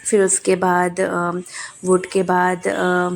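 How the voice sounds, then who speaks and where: Slow, gravelly and completely flat, this young adult woman's low voice narrates a family vlog. She has a cold and coughs while chatting casually, using many hesitant fillers.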